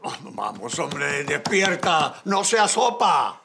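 A genial older Peruvian man in a television soap. His voice is creaky and slow, moving up and down a lot, with some noise behind it. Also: a little high, sing-song, sharp tone, exaggerated voice. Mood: urgent, exasperated. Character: genial older man, courteous old friend. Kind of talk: telenovela acting.

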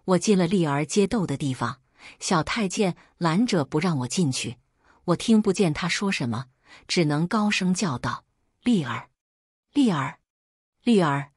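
Husky woman narrating a story. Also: on the low side, normal speed, no room sound, clean studio sound. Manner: expressive, acts out dialogue. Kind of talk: first-person scripted narration.

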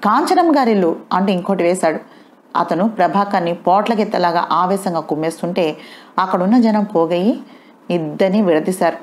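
A woman narrating an audio novel in a steady storytelling way. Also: on the low side, normal speed. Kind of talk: scripted narration.

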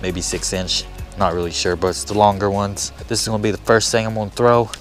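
Hyped young man vlogging with a low voice. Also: brisk, faint music behind. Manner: hyped, slangy, excitable. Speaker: fishing vlog host. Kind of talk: casual outdoor vlog. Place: outdoors on a lake, in a kayak and boat.

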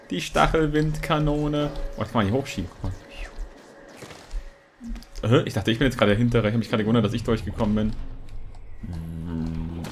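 A man's voice: on the low side, quick pace, pauses often, a little mellow, faint music behind. A young man from Saxony-Anhalt in Germany, chatting playfully through a co-op video game and joking as he plays. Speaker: let's play host. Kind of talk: casual co-op gaming chat.

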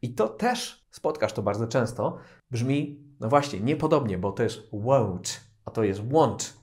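A man teaching English pronunciation in a casual spoken lesson, explaining patiently and repeating example phrases slowly. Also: mid-range voice, animated, a little mellow.

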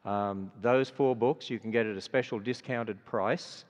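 An older Australian man with a medium-pitched, slightly slow voice wraps up a sermon and moves into announcements, sounding earnest and conversational with plenty of fillers. The recording is dull and carries the long reverb of a large auditorium.

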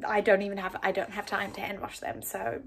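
Speaking quickly at a medium pitch that barely moves, this young adult vlogger has a gravelly voice over slight background noise. Holding her phone camera close, she talks in a friendly, confiding way in her kitchen and out on city streets, laughing at her own expense.

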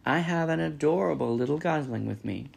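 A man's voice: mid-range voice, lively intonation, normal speed, creaky, a little mellow, breathy edge. Man playing a polite, precise female robot. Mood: cheerful, friendly. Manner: precise, formal phrasing without contractions. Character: female robot, polite, literal, learning to act friendly.

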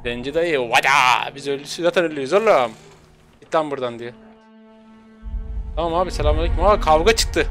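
A man doing excitable, jokey live gameplay commentary at home, jumping to high squeals when he is chased. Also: fast, long pauses, faint music behind. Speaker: gaming streamer. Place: home room with an open window.

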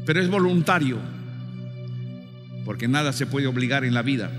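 A male preacher delivering a fervent sermon, pushing into shouted call-and-response and then dropping to low, earnest appeals. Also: lively intonation, moderate pace. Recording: long hall reverb with faint music.

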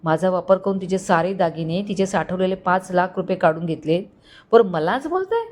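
A woman's voice: lowish voice, flat delivery, a little fast, a little mellow, lightly acted. A woman voicing an angry, scheming young man who is a villain in a spoken family story. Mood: furious. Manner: heated, defiant.

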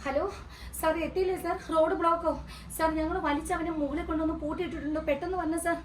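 A woman playing a stern high-voiced shopkeeper. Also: fairly even intonation, fast. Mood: pleading. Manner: scolding, repeats commands. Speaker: shop owner. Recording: echoey room from far off, noisy.

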